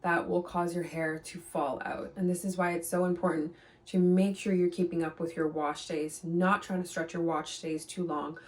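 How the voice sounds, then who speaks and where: A woman talks straight to her viewers about hair care, her voice sitting a little low for a woman. She hammers her points home with repetition and a firm, reassuring coaching tone. The mic is set a little away from her. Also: level tone, normal speed, a little mellow, distant mic. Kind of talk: direct-to-camera advice vlog.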